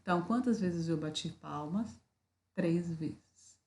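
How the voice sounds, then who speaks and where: Slow, deliberate and full of fillers, a woman teaches in a recorded video lesson, frequently asking rhetorical questions. Her voice is lowish with a darkish tone.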